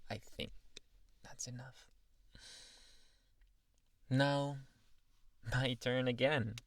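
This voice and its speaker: A man playing a shy, tender boyfriend in a soft, halting, intimate ASMR role-play, teasing and adoring. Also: mid-range voice, fairly even intonation, dry recording. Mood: playful teasing.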